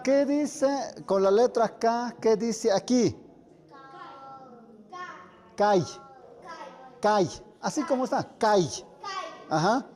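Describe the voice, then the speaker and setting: A man teaching a writing class, speaking slowly and patiently and repeating words so students can pronounce them. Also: very high-pitched, dark tone, big-room sound. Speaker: language teacher. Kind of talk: classroom lesson.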